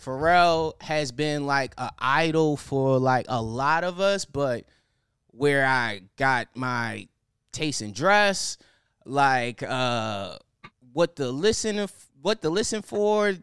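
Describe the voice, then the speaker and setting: A young man hosting a podcast, excited and loose, chatting casually with plenty of fillers and profanity. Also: mid-range voice, takes it slowly, smooth, no echo, studio quality. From Baltimore County, Maryland. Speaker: podcast host.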